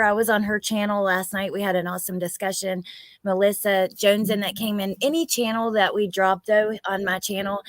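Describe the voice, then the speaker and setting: A woman hosts a livestream in an informal, giggly style. She chats casually at a medium pitch, with a close, dry sound free of room echo. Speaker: live stream host.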